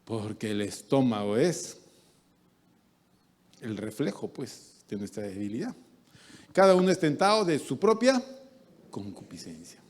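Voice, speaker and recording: A man's voice: unhurried, long pauses. A middle-aged man, a pastor delivering a sermon who acts out the voices he quotes. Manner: lively, acts out quoted voices with big pitch jumps.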